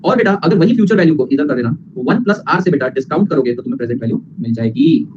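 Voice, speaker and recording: Fast-talking man lecturing, lo-fi hiss. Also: on the high side, big pitch swings. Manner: fast, playful, mixes Hindi and English, acts out students. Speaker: teacher. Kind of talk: lively classroom lecture. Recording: lo-fi with background hiss.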